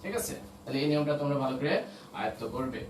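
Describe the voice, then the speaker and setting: Guy teaching a class, kinda high voice, echoey room, a bit of background hiss. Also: very fast. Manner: explains step by step, often checks understanding. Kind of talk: online class lecture. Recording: roomy echo, voice from a distance, faint noise.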